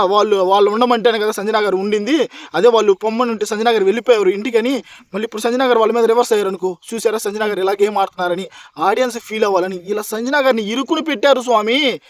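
High-pitched fast-talking man. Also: fairly bright tone, no echo. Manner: insistent, rhetorical questions. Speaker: reality show reviewer. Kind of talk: heated opinion commentary.

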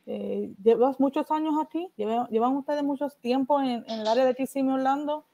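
A woman's voice: high-pitched, brisk, warm tone, dull audio. A woman in her forties hosting a casual video-call interview, affirming her guest often. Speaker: host. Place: home room, indoors. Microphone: laptop on a video call.

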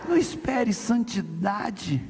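A man's voice: sits high, big pitch swings, takes it slowly, vocal fry, a little mellow. A man from Brazil preaching an impassioned conference sermon, emphatic, repeating his phrases and calling on the congregation to answer. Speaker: pastor. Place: large church hall. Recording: live church hall with reverb and music.

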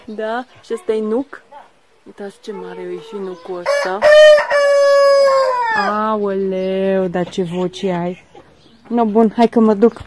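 A woman's voice: mid-range voice, expressive, pauses often, very noisy. A woman filming a casual walking vlog in a village garden on a phone, exclaiming often and talking to her viewers. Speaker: vlogger.

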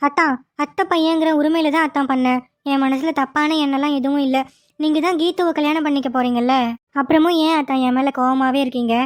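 Woman as cartoon heroine: high, earnest, coaxing, pleading. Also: fairly even intonation, fairly quick, no echo, studio quality, lightly acted. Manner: coaxing, repeats "attha". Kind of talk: cartoon voice acting.

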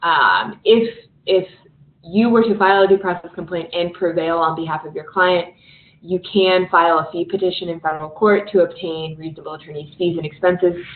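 Lady lawyer walking through a training talk, lots of ums, sounds like a phone line in an echoey room. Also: fairly low pitch. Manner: explanatory, many "um" fillers, hurried near the end. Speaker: legal aid attorney presenter. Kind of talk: recorded training webinar presentation.

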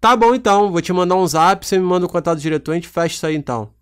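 Young brazilian guy rambling a joke pitch on a prank call, smooth slightly high voice. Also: racing. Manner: rambling, joking, deadpan pitch. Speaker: YouTuber.

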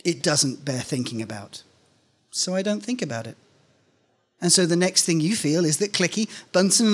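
This is a high-pitched, somewhat bright male voice belonging to a middle-aged reader at a live event. He delivers a scripted first-person story on an indoor stage, close to a stand-mounted microphone.

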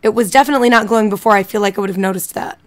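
A woman streaming a video game live, chatting and thinking out loud with excited reactions. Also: mid-range voice, racing. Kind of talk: live gameplay commentary.

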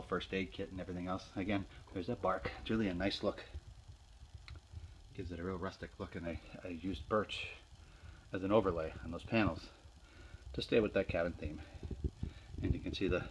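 A man's voice: low voice, a little hiss or hum, rough recording. A man showing his woodworking projects in his home garage, talking casually to a handheld phone camera with fillers and restarts. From Northeastern Pennsylvania. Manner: plain, unhurried, with fillers and restarts. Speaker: hobby woodworker. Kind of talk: casual show-and-tell vlog.

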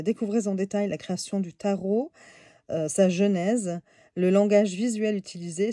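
Nasal, mellow-voiced woman with a cold. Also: medium pitch, no room sound, studio quality. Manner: hesitant, many fillers, chatty. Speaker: tarot reviewer. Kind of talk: casual deck review.

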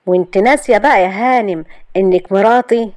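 A proud, teasing young husband, read by a woman storyteller. He talks slowly and coolly, needling his wife. The recording is dry and close. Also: mid-range voice, darkish tone, no echo, voice pushed up, lightly acted.

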